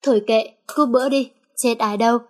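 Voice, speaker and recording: A drowsy, dismissive teenage girl who would rather skip school , as a woman narrator plays her. Her voice is fairly high. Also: steady tone, fairly quick, close to an everyday voice. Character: lazy sleepy teenage girl.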